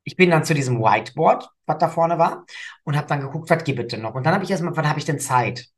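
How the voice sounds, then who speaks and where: Animated storytelling man. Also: on the high side, fast talker. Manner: animated storyteller, acts out quoted voices. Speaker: podcast co-host. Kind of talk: casual chat, storytelling.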